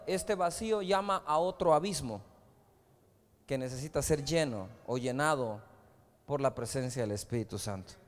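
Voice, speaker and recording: Male pastor, storytelling sermon with asides, recorded live in a reverberant hall. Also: sits high. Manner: storytelling preacher, conversational with rhetorical asides. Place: large church hall.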